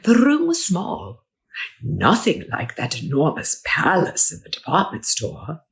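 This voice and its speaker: A woman reading a children's storybook theatrically, with dramatic exclamations and hushed asides. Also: on the low side, wildly swooping pitch, unhurried, gravelly. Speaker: storybook reader.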